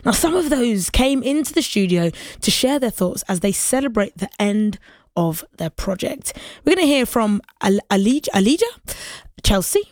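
A woman's voice: medium pitch, big pitch swings, normal speed, a little mellow, no echo, studio quality. A woman presenting a local radio show, chatting casually and musing aloud before inviting listeners to text in. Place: radio studio.

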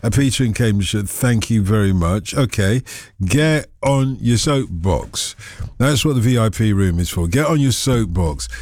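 Older guy hosting a late night radio phone-in, lively up and down voice, playful and jokey, dry studio sound. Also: lowish voice, moderate pace, dry recording. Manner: jovial, playful, chatty with callers.

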